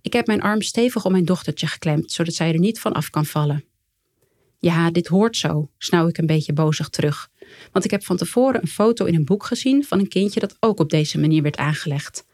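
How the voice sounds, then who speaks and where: Calm, low-voiced woman reading her memoir. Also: no echo, studio quality. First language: Dutch. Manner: calm, measured storytelling with quiet quoted dialogue. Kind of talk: first-person memoir reading.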